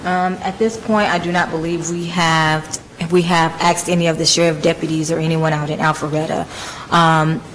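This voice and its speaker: A woman's voice: low-pitched, level tone, moderate pace, fairly bright tone, slight background noise, poor audio. A woman arguing a motion as prosecutor in court, speaking carefully and hesitantly with frequent ums. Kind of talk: courtroom argument.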